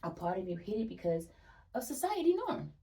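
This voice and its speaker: A woman's voice: medium pitch, big pitch swings, a little fast, dark tone, recorded from a distance. A young woman gives a casual spiritual energy reading, chatty and emphatic, repeating phrases, swearing and laughing often.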